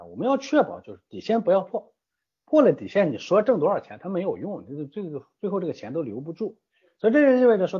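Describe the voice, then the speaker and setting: A man's voice: a little high, breathy edge, dull audio. A man answering interview questions as a guest from an investment platform, emphatic and full of rhetorical questions.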